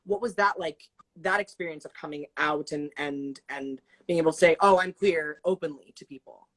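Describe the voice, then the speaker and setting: This twenty-something host has a low-sitting, fairly bright voice and speaks at a moderate pace. She runs a relaxed interview chat by video call, filling her questions with ums and likes while staying affirming and thoughtful.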